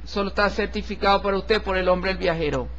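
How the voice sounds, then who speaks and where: A man reading a tarot horoscope in a solemn, slow and formal way, addressing the listener with respect. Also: high-pitched. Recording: dull lo-fi recording with faint hiss.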